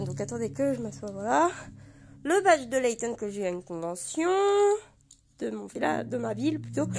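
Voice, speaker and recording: A woman with a hoarse voice from a cold, gushing and rambling with many fillers as she shows off her collection in a casual vlog. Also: fairly high pitch. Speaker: vlogger showing her collection. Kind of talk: casual show-and-tell. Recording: noticeable background noise.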